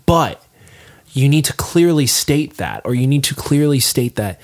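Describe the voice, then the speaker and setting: A man's voice: medium pitch, lively intonation, measured pace, a little mellow. A man hosting a casual podcast chat, a musician who states his views emphatically and at length.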